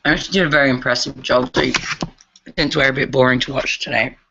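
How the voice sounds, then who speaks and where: A man's voice: medium pitch, fairly even intonation, brisk, creaky, muffled recording, noisy background. A man co-hosting a casual online video-call show, weary and self-mocking, joking with his co-host. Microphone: webcam.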